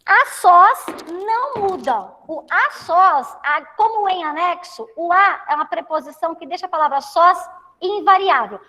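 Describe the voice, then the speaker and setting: Brazilian portuguese teacher lady, super high voice, lots of reverb, sweet and keeps asking "ok?". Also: normal speed, bright, forceful tone. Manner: affectionate, keeps checking in with students. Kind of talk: online class lesson. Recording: long reverb.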